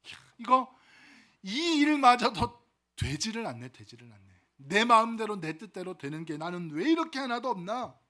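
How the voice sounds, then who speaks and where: A man voicing a frustrated young man who grumbles loudly about his bad luck. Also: high voice, very animated, moderate pace, heavily acted. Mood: lamenting. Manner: loud, exasperated lamenting.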